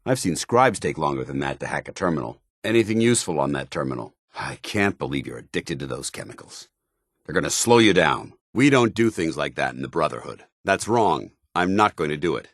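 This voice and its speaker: Paladin Danse, stern soldier with dynamic pitch. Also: male voice, sing-song, a little fast, dry recording, studio quality, exaggerated voice. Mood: measured, concerned, then stern, disapproving. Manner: clipped, authoritative military delivery. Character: stern, dutiful male paladin soldier, righteous military companion. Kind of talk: video game companion voice lines.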